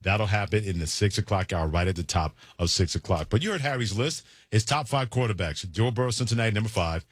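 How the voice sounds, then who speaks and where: A man co-hosting a sports talk radio show, with a smooth radio host delivery into a studio microphone. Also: on the low side, lively intonation, brisk, hardly any pauses, dry recording.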